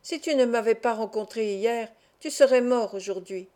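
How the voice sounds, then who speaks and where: A woman's voice: fairly high pitch, normal speed, dark tone, lightly acted. A woman reading the part of a bitter, scornful young male thief in an audiobook. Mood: furieux. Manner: angry reproachful.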